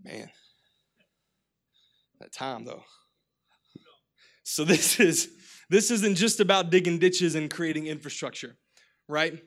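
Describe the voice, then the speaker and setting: A man in his thirties preaching a lively, humorous sermon, calling on the congregation to repeat after him, his voice starting to go hoarse. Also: fairly high pitch, normal speed. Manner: energetic, humorous preaching with crowd call-and-response. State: voice getting hoarse. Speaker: pastor.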